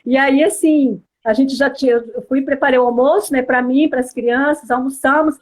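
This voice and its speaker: A church member with a Brazilian Portuguese accent from Espírito Santo earnestly tells her religious testimony, sprinkling it with small fillers like "né, assim." Her voice sits high, with a steady tone and normal speed.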